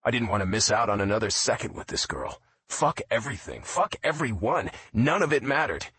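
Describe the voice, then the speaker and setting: A man narrating a romance audiobook in a low, intimate first-person reading. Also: lively intonation, a little fast, fairly bright tone, slight background noise.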